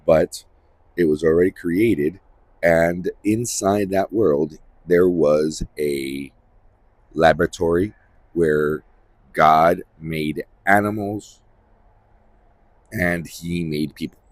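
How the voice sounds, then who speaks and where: A man with a deep voice hosts a Bible-reading series, offering informal commentary. He speaks in a halting, repetitive way and often checks for agreement. There's no room sound.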